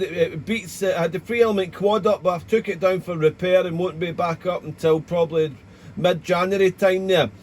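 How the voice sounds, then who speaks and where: A man speaking as an amateur radio operator in a chatty, rambling, courteous way, with call signs and radio procedure words. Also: sits high. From Wales, United Kingdom. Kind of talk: casual ham radio contact with call signs.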